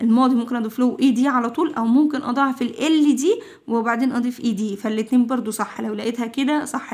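Egyptian woman drilling English words. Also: a little high. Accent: Egyptian Arabic. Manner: repeats each English word several times, patient drilling. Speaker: English teacher. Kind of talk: vocabulary lesson for children.

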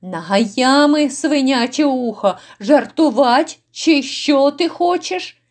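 A woman's voice: high voice, expressive, slow. Woman doing jeering drunken noblemen. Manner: gruff, jeering shouts. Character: rowdy, brutal drunken noblemen, men.

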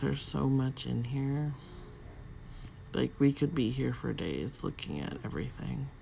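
Woman thrift vlogger, low gravelly voice, unhurried, soft marveling asides, phone mic in a cluttered shop with faint hum. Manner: softly marveling, drops to whispers. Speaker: vlogger and reseller. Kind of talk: casual shop-along narration. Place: cluttered indoor antique store.

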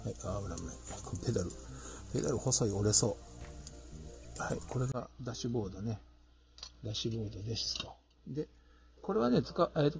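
A man's voice: mid-range voice, creaky. Kansai-accented man narrating a model build. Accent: Kansai Japanese. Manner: mumbling to himself while working, chatty. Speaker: model kit builder vlogger. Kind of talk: casual hands-on narration.

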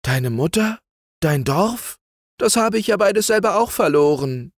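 A homesick young man from a fairy tale, gentle and yearning, his voice raised a little and husky, as a narrator puts him on. He speaks in a slightly lighter tone than the narration. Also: high-pitched, expressive, unhurried, dry recording, studio quality, voice pushed up, full character voice. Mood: tender.

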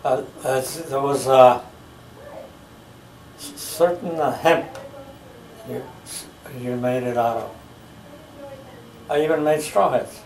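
An elderly man born in the US, speaking in a mid-range voice with a darkish tone, slowly pieces together childhood memories, halting often as he searches for details. The setting is a family oral history interview, with him seated in a living room recliner. A camera mic from across the room records it as roomy, distant home video.

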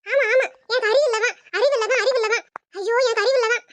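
A woman's voice: very high voice, steady tone, fast talker, dry recording. A woman voicing a melodramatic, self-pitying daughter-in-law with a Tirunelveli Tamil accent. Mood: wailing. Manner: melodramatic, wailing.

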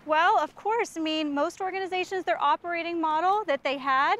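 A woman's voice: very high-pitched, brisk, a bit bright. A woman in her thirties, a management consultant, explaining ideas earnestly in an outdoor walk-and-talk interview in a park. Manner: earnest, explanatory, with restarts and fillers.

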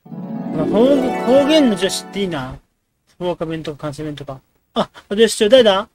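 A man's voice: sits high, lively intonation, music in the background. A man casually commenting and joking while playing a dating game. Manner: quick, joking reactions to the game. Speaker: let's play host.

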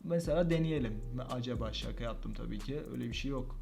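A man's voice: medium pitch, fast, gravelly, darkish tone, a little hiss or hum. A man commenting on his own mobile game play, swinging between muttering and angry outbursts at the game. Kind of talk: gameplay commentary.

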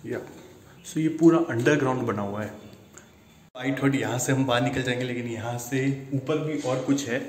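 On a handheld phone, a travel vlogger records himself touring a man-made underground temple cave, often exclaiming and blending English into his Hindi. He has a mid-range, darkish voice at normal speed, with slight background noise.

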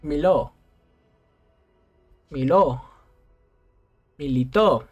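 A man's voice: fairly high pitch, very slow, a little mellow, dull audio, soft background music. A man with a Mexican accent giving casual gameplay commentary, exasperated and self-mocking and laughing often. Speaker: gaming youtuber.

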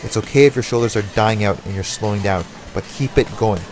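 Low-voiced man coaching a boxing workout over music. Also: brisk, darkish tone. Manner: motivational, short commands. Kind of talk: instructional workout coaching with called-out combinations and timing cues.

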